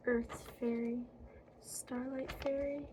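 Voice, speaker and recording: Breathy, high-pitched woman in soft-spoken fairy role-play. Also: flat delivery. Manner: hesitant, informal, many trailing pauses. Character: friendly, apologetic young fairy guiding a newly hatched fairy. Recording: clearly audible background noise.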